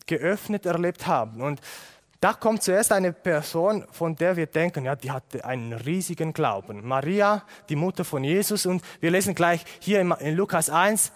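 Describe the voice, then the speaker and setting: A man's voice: fairly high pitch, expressive, normal speed. A man preaching a sermon to his congregation, earnest and building his points through repeated phrases. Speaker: pastor.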